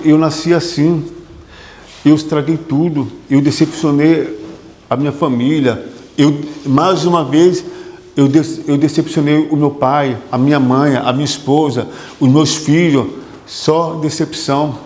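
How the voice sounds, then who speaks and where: A man's voice: fairly high pitch, darkish tone. A man, a psychotherapist, giving an emphatic motivational talk to an audience, repeating phrases and putting questions to the room. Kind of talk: motivational lecture. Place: hall with an audience. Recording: echoey hall with long reverb.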